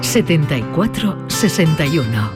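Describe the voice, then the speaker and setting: A woman reading a recorded answering machine greeting, slowly and evenly giving out a phone number. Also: low voice, sing-song. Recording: voice over loud guitar music. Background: guitar music.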